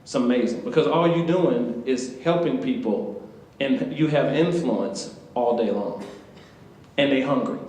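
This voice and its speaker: A man from Atlanta with a Southern US accent, an author telling a lively, humorous story to students and talking straight to the audience. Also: mid-range voice, unhurried. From Atlanta, Georgia, US. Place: university event hall. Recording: echoey lecture hall.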